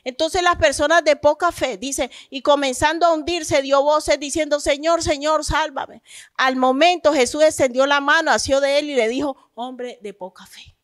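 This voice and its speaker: A woman pastor, preaching a lively sermon. She asks the congregation questions and acts out believers' complaints. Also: high voice, moderate pace.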